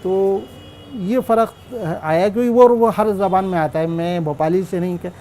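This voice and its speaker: A man talks in a reflective documentary interview, unhurried and with small restarts. His voice is pitched high with a mellow tone, and faint noise sits behind him in the room. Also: fairly even intonation. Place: indoor room.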